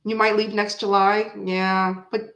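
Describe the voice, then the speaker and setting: Chatting loosely with her livestream audience, the Florida-raised, Canadian-born tarot reader in her forties talks in a mid-range voice at a slightly slow pace, rambling and then flaring into animated bursts. She has an American accent and speaks French too; the audio is poor and echoey.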